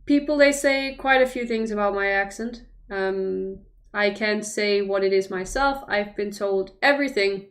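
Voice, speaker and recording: A young Danish woman, whose first language is Danish, commentates chess live on stream and thinks aloud about the moves, often restarting her sentences hesitantly. Her voice is medium in pitch and she speaks a little slowly.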